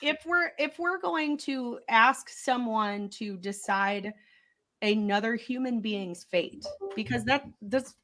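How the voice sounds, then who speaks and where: A woman's voice: fairly high pitch, slow, bright, forceful tone. A woman hosting a podcast, talking through her views in a thoughtful casual discussion, often restarting her phrases. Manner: thoughtful, restarts phrases while building an argument. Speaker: podcast host.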